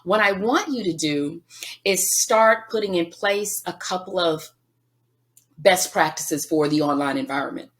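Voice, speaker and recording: A woman's voice: fairly low pitch, unhurried, a bit bright. Woman guest on a podcast, upbeat coaching style, punchy and emphatic. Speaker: guest speaker. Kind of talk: energetic advice in a podcast interview.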